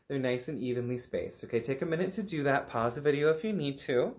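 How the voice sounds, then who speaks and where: A man's voice: medium pitch, animated, fast talker. A man teaching an online music lesson to children, playful and upbeat, singing rhythm syllables and sometimes whispering.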